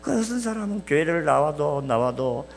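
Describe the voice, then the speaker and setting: A male pastor preaching with a lively, rising-and-falling voice that sits a little high. He presses his points with rhetorical questions and swings from loud to soft. The sound rings with a long church-hall echo. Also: moderate pace, creaky, a little hiss or hum. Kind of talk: sermon. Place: church sanctuary.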